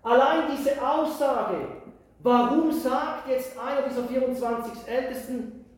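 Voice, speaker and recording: A middle-aged man preaching a sermon, slow and earnest, building to loud emphatic declarations. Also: very high-pitched, steady tone. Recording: very echoey hall.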